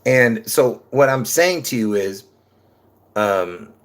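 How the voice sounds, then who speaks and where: A livestream host with a New York accent rambles to his viewers, calling them folks, in a monologue packed with fillers, restarts and points he keeps repeating. His mid-range voice is expressive and fairly bright, and he speaks at a slow pace.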